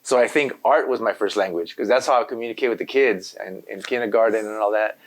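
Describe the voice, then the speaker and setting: Fast and on the low side, this man is a graffiti artist from Los Angeles who first spoke Spanish. As an interview guest he's easygoing and rambling, with "you know" popping up constantly.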